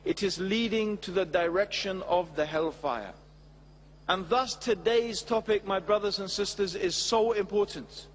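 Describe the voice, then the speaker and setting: A middle-aged man giving a measured, emphatic religious lecture at a stand mic on a large studio stage before an audience. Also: high-pitched, long reverb tail, slight background noise. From England. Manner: measured, emphatic, with expressive hand gestures. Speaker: Islamic preacher. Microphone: stand mic at a lectern.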